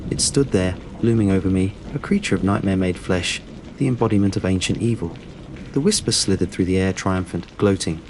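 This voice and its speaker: A man reading a scripted horror story in a steady, measured storytelling delivery. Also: low voice, background noise. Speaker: narrator.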